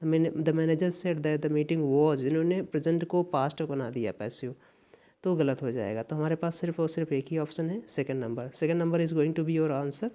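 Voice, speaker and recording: A mellow, slightly high male voice at a moderate pace belongs to an English teacher for competitive exams. He has an Indian accent, explains patiently, and repeats important phrases.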